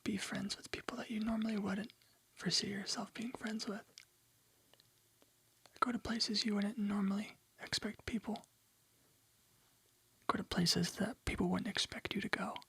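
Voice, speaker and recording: An ASMR host whispers encouragement in a breathy, unvoiced voice, repeating motivational phrases over and over. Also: medium pitch, steady tone, moderate pace, long pauses, fairly bright tone, slight background noise, low-quality recording.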